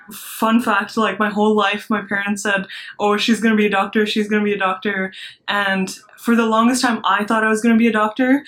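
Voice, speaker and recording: A young woman from Malaysia, a startup founder giving an earnest recorded talk to students, with many ums and restarts. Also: medium pitch. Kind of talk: recorded motivational speech.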